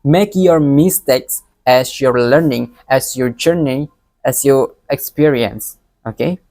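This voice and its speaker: A young man with a Palembang Indonesian accent gives a recorded exam presentation as an education student, halting and often repeating words. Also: mid-range voice, a little mellow, no echo. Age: young adult.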